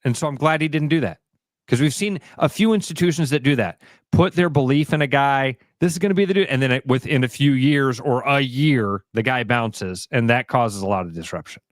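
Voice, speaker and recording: A man co-hosting a radio show, chatting casually about sports with quick asides and laughs. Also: mid-range voice, dry recording, studio quality. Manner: animated, quick asides, laughs while talking.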